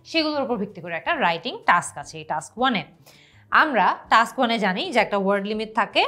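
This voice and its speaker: Fast-talking young woman teaching English. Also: medium pitch, a bit bright. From Bangladesh. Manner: explains step by step, mixing English terms into Bengali. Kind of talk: exam prep lesson.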